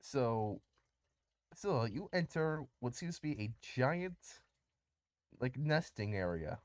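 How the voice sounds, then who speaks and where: Slow, lively game master man. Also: medium pitch, no echo, studio quality. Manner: laughing, stalling with repeated restarts. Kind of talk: narrating a tabletop game.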